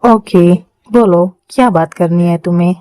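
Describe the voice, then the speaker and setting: A woman's voice: lowish voice, a little slow, dark tone, no room sound, close to an everyday voice, rough recording. A woman voicing an earnest young man in a fan-made dubbed drama. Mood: calm. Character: young man, long-lost lover, surprised.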